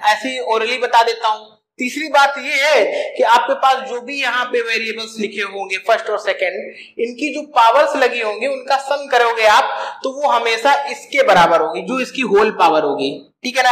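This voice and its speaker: A man's voice: very high voice, normal speed, sharp tone, roomy sound, poor audio. A man teaching a math lesson, explaining step by step and asking and answering his own questions.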